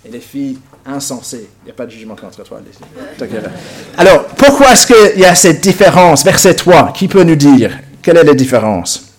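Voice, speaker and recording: A man, acting out a Bible story with volunteers and props, lively and lightly humorous. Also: fairly high pitch, normal speed. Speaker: preacher.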